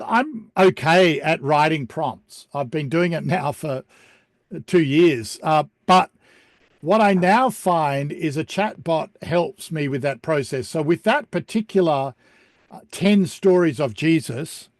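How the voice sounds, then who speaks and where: A man presenting an online beginner lesson over a video call, speaking in a relaxed, chatty way with frequent ums. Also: on the high side, no echo, clean studio sound. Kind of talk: casual explanatory talk on a video call.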